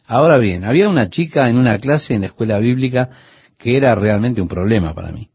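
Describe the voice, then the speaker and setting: A man's voice: medium pitch, animated, fast talker, breathy edge, dry recording. A man preaching a radio sermon, earnestly addressing the listener directly. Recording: dull, lo-fi dry recording.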